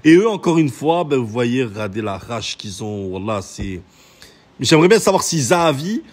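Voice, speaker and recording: A man's voice: mid-range voice, sing-song, moderate pace. A man, giving casual, emphatic reaction commentary in repetitive street slang. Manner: French suburb street slang. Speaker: reaction video host.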